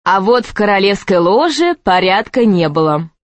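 Female audiobook narrator, expressive storybook reading, middle-pitched voice, dry close sound. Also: moderate pace, dry recording. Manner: expressive, lively character reading.

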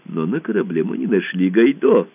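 Man doing sly cruel emperor, falsely sweet, coaxing, lively pitch, tinny radio sound. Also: moderate pace, gravelly, full character voice. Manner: falsely sweet, then hissing. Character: sly cruel smooth-talking male alien emperor. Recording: tinny phone-like radio audio.

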